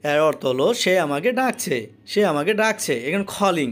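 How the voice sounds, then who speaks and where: A man teaching English pronunciation, repeating each word and its meaning twice in a slow, patient explanation. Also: on the high side, animated, fairly bright tone. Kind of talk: spoken language lesson.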